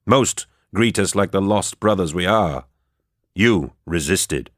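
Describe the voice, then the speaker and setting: A man voicing a calm, firm adult male warrior in a read-aloud story, speaking in a measured way. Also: low voice, no echo, studio quality, exaggerated voice. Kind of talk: audiobook character reading.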